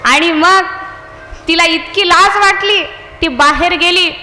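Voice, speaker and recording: A woman storyteller narrating a devotional sermon, lively and animated, voicing the characters. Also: extremely high pitch, slow pace. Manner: lively, animated, voices the figures. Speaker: Bhagavat Katha storyteller. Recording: echoey hall, faint background noise.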